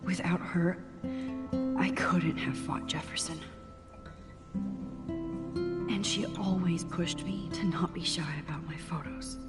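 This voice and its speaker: Actress playing a quiet, shy young woman photographer; slow, low, half-whispered inner monologue in a game, music bed. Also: fairly even intonation, close to an everyday voice. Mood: reflective. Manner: soft, half-whispered musing. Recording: game audio with music behind.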